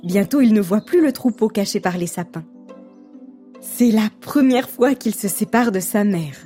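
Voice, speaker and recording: A woman reading a children's storybook aloud in a gentle, calm way. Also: mid-range voice, normal speed, soft background music. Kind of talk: scripted storybook narration.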